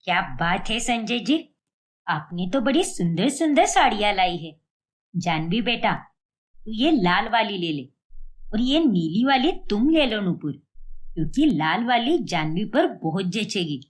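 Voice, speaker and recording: A scheming, bossy middle-aged mother-in-law from a cartoon story, voiced by a woman. She scolds and lectures in an animated voice and talks slowly and deliberately. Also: medium pitch. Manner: scolding, domineering.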